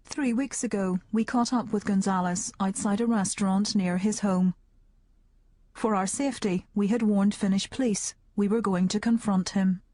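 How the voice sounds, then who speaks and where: A woman narrating a documentary in a measured, matter-of-fact scripted voice. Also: medium pitch, fairly even intonation, warm tone, dry recording. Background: music.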